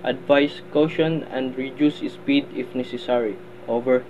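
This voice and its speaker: A man's voice: medium pitch, fairly even intonation, a little slow, darkish tone. A man playing a formal vessel traffic service operator in a scripted marine radio exchange, with procedural phrasing. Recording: tinny band-limited radio sound, faint noise.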